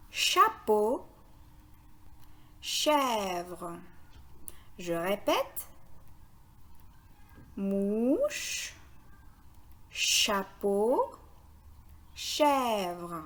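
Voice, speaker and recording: A woman teaching young children to read, sounding out words syllable by syllable and praising their answers. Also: fairly high pitch. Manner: slow, deliberate, syllable by syllable. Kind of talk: phonics lesson for young children.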